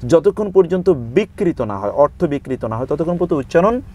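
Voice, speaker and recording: A man speaking as a religious scholar in an interview, explaining scripture in steady listed points, reciting verses in Arabic and dropping in English words. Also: on the high side, fairly quick. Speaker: Islamic scholar guest.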